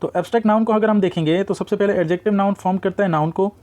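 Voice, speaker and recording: A man teaching a grammar lesson, explaining step by step and reading out word pairs slowly. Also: high-pitched, steady tone, darkish tone. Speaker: English teacher. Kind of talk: classroom-style grammar lesson.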